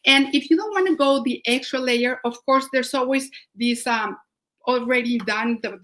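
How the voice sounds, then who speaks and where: Woman, Mexican accent, higher register; warm, eager baking-demo instructor who restarts often. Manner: warm, enthusiastic, with frequent restarts. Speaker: cooking demonstrator. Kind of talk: live online baking demonstration.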